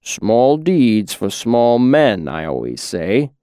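An old storyteller, as a male narrator puts him on, calm and quietly mocking, letting his words roll out slow and rich. His delivery is unhurried and sly. The recording is dry and close. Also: mid-range voice, clean tone, no echo. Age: older.

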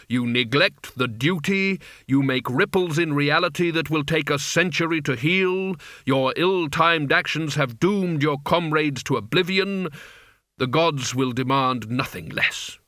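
A man voicing Death as a cold, imperious male reaper who speaks slowly and with measured command in an audiobook. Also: on the high side, pushed and bright, no room sound, studio quality.

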